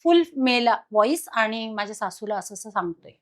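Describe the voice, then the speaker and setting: A woman guest telling a personal haunting story in an animated, dramatic way. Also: on the high side, moderate pace. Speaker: podcast guest.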